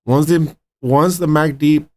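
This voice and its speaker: A man's voice: on the high side, fairly even intonation, measured pace, dark tone. Upbeat man talking through trading charts. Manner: upbeat, repeats "all right" and "right" as check-ins; talks straight to viewers as "my friends" and "guys". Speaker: crypto trading channel host. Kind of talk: live chart analysis commentary.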